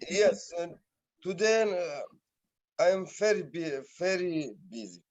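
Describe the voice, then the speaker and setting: A man from Syria, a language learner talking in short, simple, halting sentences. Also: high-pitched, lively intonation. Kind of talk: simple learner English in a class video. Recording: dull lo-fi video sound.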